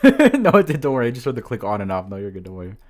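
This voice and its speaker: A man's voice: medium pitch, wildly swooping pitch, very fast. Chatty livestream host man, apologetic. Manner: chatty, apologetic, laughs often. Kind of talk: casual livestream chat. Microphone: desk mic.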